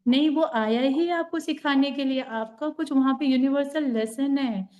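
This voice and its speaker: A woman's voice: sits high, normal speed, darkish tone. A woman on a group video call telling a personal story in a reflective, conversational way. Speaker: group participant sharing a story. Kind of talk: casual chat on a group call.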